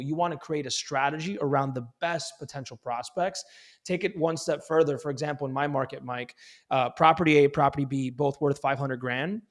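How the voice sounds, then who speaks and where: Man, real estate agent, fast emphatic coaching talk, higher voice. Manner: emphatic, repeats words at the start of phrases.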